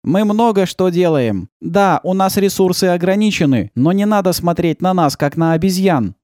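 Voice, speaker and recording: A man voicing Chavori, a gentle, polite alien creature who speaks slowly and earnestly. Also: sits high, animated, no echo, clean studio sound, pitched above the performer's own voice. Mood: friendly.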